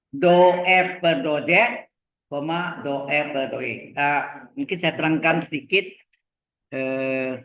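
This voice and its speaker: A middle-aged man lecturing on engineering mathematics, talking slowly, repeating terms and checking that the class follows. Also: fairly high pitch, a bit bright. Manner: slow, repeats terms, asks checking questions. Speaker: university lecturer. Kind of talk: live lecture on vector calculus. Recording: echoey room.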